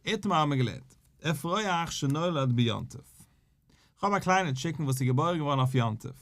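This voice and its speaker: A man's voice: on the high side, brisk. A man with a Yiddish accent teaching a daily Talmud lesson, acting out the questions and answers of the sages. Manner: animated, acts out questions and answers between sages.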